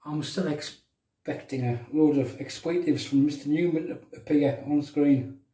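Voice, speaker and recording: Mellow County Durham man, echoey bathroom. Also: fairly high pitch, a little slow. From County Durham, England. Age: middle-aged. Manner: matey, bantering. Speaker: livestream host of a shaving show. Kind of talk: casual live chat with viewers while demonstrating shaving. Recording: roomy bathroom echo, distant microphone.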